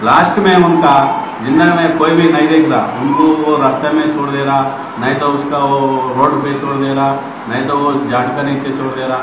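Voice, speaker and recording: A man's voice: mid-range voice, little pitch movement. Guy talking off the cuff, stops and restarts a lot, far from the mic, big echo, muffled and noisy. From Telangana. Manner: halting, rambling, many restarts. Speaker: charity trust director. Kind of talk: interview at a school event. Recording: very echoey, distant, muffled, noisy.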